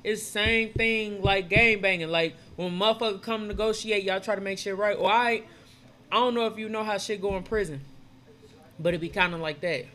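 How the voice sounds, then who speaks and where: A man casually retelling old stories in street slang, animated and acting out the characters' voices as he goes. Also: sits high, moderate pace. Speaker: storyteller retelling Bible stories.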